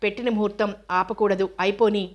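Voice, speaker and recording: A woman voicing a blunt, protective young village man who talks in gruff rural dialect, in a storybook reading. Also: medium pitch, fairly even intonation, fairly quick, dull audio, lightly acted. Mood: resolute.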